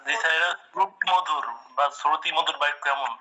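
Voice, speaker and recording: A man's voice: a little high, steady tone, fairly quick, pushed and bright. A male student giving short, polite answers to his teacher in class.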